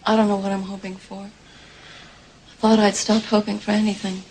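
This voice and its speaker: A woman's voice: medium pitch, flat delivery, moderate pace, a little mellow, slight background noise, lightly acted, poor audio. An actress playing an anxious, proud young pregnant woman in a 1980s soap opera, talking hesitantly with stumbling restarts. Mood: anxious, defensive.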